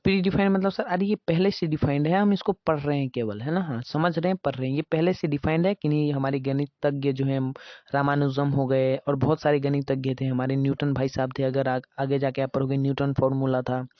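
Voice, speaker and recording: A man's voice: mid-range voice, steady tone, brisk, no room sound, dull audio. A man teaching a math class in a casual, chatty way, asking questions and answering them himself. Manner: chatty, asks and answers his own questions.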